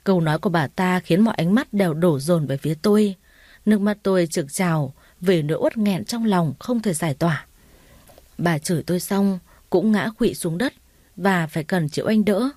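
A woman narrating a first-person story in a steady, somber reading voice. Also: fairly low pitch, moderate pace, no room sound. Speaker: story reader.

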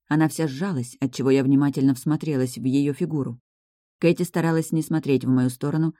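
Storybook narrator, warm dark tone, dry close recording, first-person novel reading. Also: mid-range voice, dry recording. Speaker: audiobook narrator.

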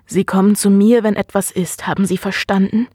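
A woman reading the lines of a calm, earnest male doctor in a measured, serious way. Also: mid-range voice, husky, dry recording, clean studio sound, natural voice. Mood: grave.

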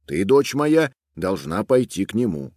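A man voicing a stern father who gently reproaches his daughter. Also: lowish voice, very animated, dry recording, studio quality, exaggerated voice. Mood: reproachful. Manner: reproachful, measured.

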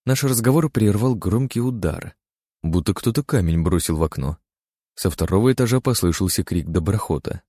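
A man reading first-person fiction as an audiobook narrator, steady in narration and livelier in dialogue. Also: low-pitched, normal speed, no room sound, clean studio sound.

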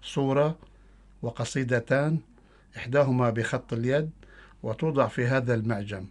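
A man's voice: medium pitch, moderate pace, darkish tone. A man with a Syrian Arabic accent giving interview answers as a guest poet, mixing formal and colloquial speech.

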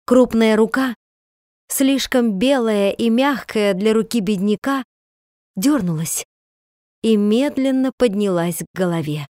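A woman narrating a storybook in a calm, measured reading voice. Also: fairly high pitch, no echo, clean studio sound. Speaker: audiobook narrator. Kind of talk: scripted narration.

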